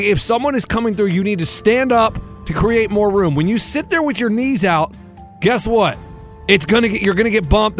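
A man with a high voice rants on a sports talk show. He lectures listeners with firm opinions, and soft music plays under him. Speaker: co-host. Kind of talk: casual sports radio chat.

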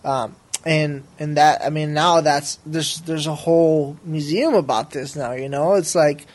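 A man's voice: a little high, unhurried. A man as a podcast guest, talking casually in a rambling, slangy way and often checking for agreement. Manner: slangy, rambling, peppered with bro and right. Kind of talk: casual conversation.

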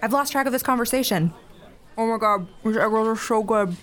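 Deadpan exasperated wife, played by a woman. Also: fairly high pitch, fairly quick, natural voice. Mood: dry.

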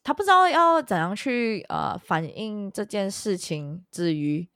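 A woman's voice: mid-range voice, very animated, a little slow, a bit bright, smooth, no echo, studio quality. A woman co-hosting a casual chat, telling a long story and dropping English words into her speech. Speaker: podcast co-host.

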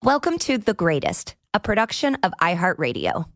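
A woman hosting a podcast in a studio, chatting playfully with quick banter and frequent laughs. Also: lowish voice, sing-song, no echo. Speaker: podcast host. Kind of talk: casual chat.

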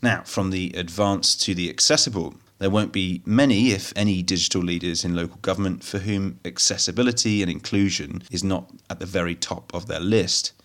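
Deep-voiced man, steady measured cadence. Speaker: host of a technology news roundup. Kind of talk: scripted news narration.

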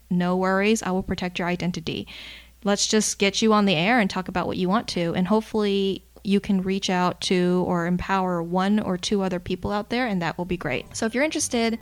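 This is a woman's solo intro monologue for her own podcast: outspoken, candid, full of swearing. Her smooth, mid-range voice moves quickly, dropping "you know" and "like" throughout.

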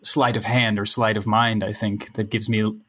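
A Dutch writer from the Netherlands, appearing as a guest on a casual podcast, muses abstractly and restarts his sentences often. His voice is on the low side and fairly bright, with a level tone and moderate pace.

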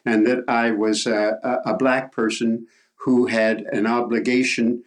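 An older Canadian man, a guest on an interview show, telling a story in a halting way with repeated words. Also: medium pitch, flat delivery. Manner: halting, repeats words, acts out quoted voices.

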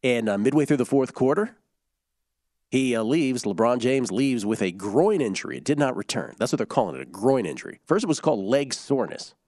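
Male sports betting co-host, very lively pitch, dry studio sound, chatty and joking. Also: a little fast, no echo. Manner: chatty, joking, rattles off scores and odds. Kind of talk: casual sports betting chat.

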